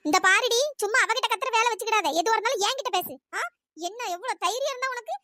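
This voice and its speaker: A performer voicing a sharp-tongued older aunt in a cartoon story, nagging and accusing. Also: extremely high pitch, quick pace, no echo, clean studio sound. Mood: scolding. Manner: nagging, accusing, shouting insults.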